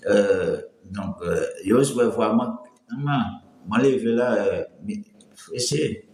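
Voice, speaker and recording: A man's voice: fairly low pitch, slow pace, a little mellow. A man talks in a loose, rambling way on his live stream, with a light voice that breaks when he strains it. The sound echoes around the room. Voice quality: voice thin and cracks when pushed. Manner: rambling, greets viewers by name, mixes in Creole. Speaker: livestream host. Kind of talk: casual live-stream talk.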